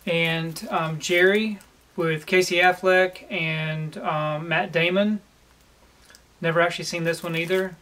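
This is a casual haul video from a collector vlogger in his forties, filmed in a room lined with shelves as he faces the camera. He speaks plainly and easily, filling gaps with "um," in a voice that's fairly high for a man.

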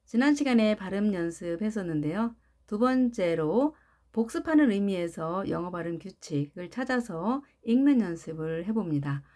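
A woman teaching English pronunciation in a patient classroom manner, repeating each sound clearly for learners. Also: mid-range voice, expressive, moderate pace, warm tone. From Korea. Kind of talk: slow, clear classroom instruction.

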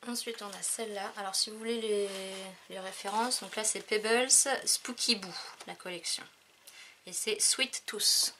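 A woman's voice: mid-range voice, steady tone, moderate pace, pushed and bright, slight background noise. Chatty French woman showing craft buys. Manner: chatty, many fillers, counting and showing items. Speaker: crafting vlogger. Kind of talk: casual haul video.

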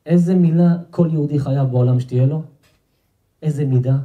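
A man, a rabbi, giving an emphatic sermon to guests at a house-warming gathering, often repeating himself and speaking straight to the crowd. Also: fairly high pitch, phone-quality sound. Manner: emphatic, repeats himself, talks directly to the audience. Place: home gathering with an audience.

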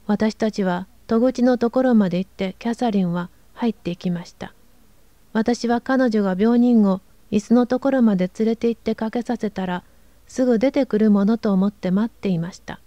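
Casting: woman audiobook narrator, mellow dark tone, calm even reading, dry close mic. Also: medium pitch, moderate pace, no echo, dull audio.

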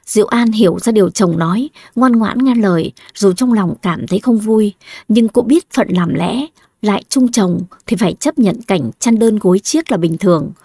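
A woman narrating a folk horror story in a steady, measured storytelling voice, recorded on a close studio mic. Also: mid-range voice, husky, dry recording. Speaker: audiobook narrator.

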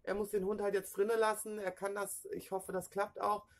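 A middle-aged woman, telling a story casually to her camera at home in an excitable, chatty way, acting out what people said. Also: medium pitch, a little fast. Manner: chatty, excitable, acts out dialogue. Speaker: vlogger. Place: at home indoors. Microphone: camera in front.

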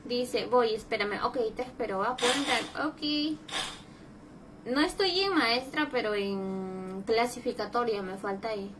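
A young woman chatting casually with viewers on a gaming livestream, greeting them and breaking into loud exclamations. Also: on the high side, unhurried. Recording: loud background noise.

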